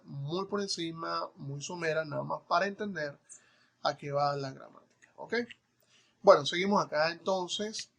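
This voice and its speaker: A man's voice: a little high, a bit bright. A man teaching an online Greek class, talking directly to the student and checking in with a friendly "ok?". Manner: conversational, often checks in with "¿ok?"; speaks directly to the student, with fillers and restarts. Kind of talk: casual online lecture.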